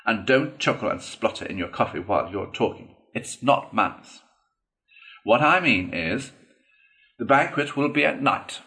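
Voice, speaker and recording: A stern old badger who lays down the rules flatly and scolds without fuss, as a storyteller puts him on. His firm voice carries a bit louder than the narration, with a lively lift on key words. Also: medium pitch, a little slow. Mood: bossy. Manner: firm, scolding, matter-of-fact. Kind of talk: storybook reading.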